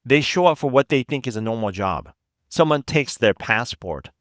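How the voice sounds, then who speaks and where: A man hosting a podcast, giving scripted investigative narration in a measured, reflective way with deliberate emphasis. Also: mid-range voice, a bit bright, no room sound. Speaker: podcast host.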